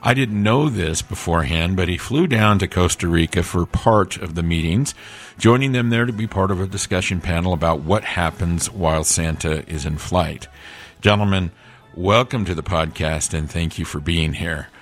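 A man's voice: deep voice, normal speed. A man voicing a male elf radio news host who speaks with a formal newscaster delivery. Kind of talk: comedic audio podcast hosting.

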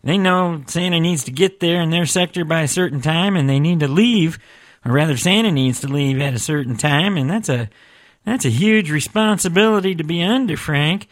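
Man doing a high, folksy elf reporter. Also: normal speed, natural voice. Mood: earnest. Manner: folksy, keeps addressing his partner by name. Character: chatty male elf radio reporter. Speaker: co-host, reporter. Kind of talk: comedic audio podcast acting.

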